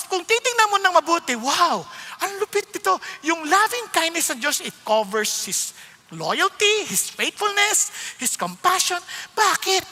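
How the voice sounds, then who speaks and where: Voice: high-pitched, bright, forceful tone. A preacher giving a sermon in an emphatic, conversational way, often quizzing the listeners. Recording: long hall reverb.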